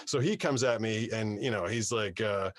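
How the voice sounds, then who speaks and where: Speaking into a studio mic from his soundproof booth, a voiceover artist tells his story as an interview guest. He's an animated storyteller with a voice on the low side and a moderate pace, often restarting sentences by repeating words.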